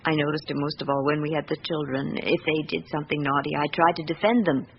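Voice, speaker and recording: In a radio drama, a hurt middle-aged British wife voices her grievances with bitter, reflective candor, picking her phrases with care. Her deep voice stays fairly even, and the old recording sounds muffled with slight noise.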